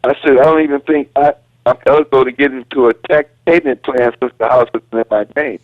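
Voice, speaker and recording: A polite male caller talking in a plain, halting way over a phone line that keeps cutting in and out. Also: mid-range voice, fairly even intonation, dry recording. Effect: phone line breaking up, voice cutting in and out. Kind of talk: call-in radio conversation.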